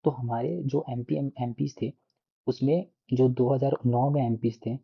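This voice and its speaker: A man's voice: mid-range voice, steady tone, moderate pace, gravelly, breathy edge, highs cut off. A man teaching an exam prep lesson in a casual explanatory way, often tagging sentences with "na" and restarting words. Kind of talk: explanatory lecture.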